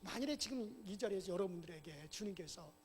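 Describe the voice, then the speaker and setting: A male pastor telling a story in an animated sermon and leading the congregation in responses, in a church. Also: high-pitched, fast talker. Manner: animated, calls congregation to repeat. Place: church sanctuary. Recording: long hall reverb.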